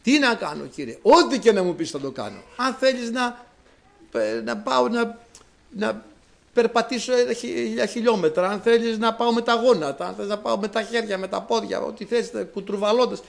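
A man's voice: high-pitched, creaky. An older man preaching a sermon, emphatic and repetitive, often calling his listeners brothers.

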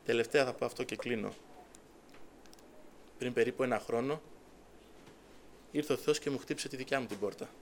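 A man preaching a sermon, recounting his own story with earnest quoted dialogue. His voice is gravelly and sits at an ordinary pitch. A faint hiss of background noise runs under the recording. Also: pauses often. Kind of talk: sermon testimony.

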